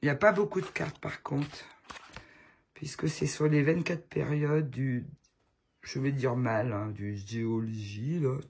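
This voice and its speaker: Slow, gravelly-voiced woman with a cold. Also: very deep voice, a little mellow. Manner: chatty, fond, gushing over the items. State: has a cold, voice affected. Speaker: tarot channel host. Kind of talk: casual show-and-tell chat to viewers. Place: at home.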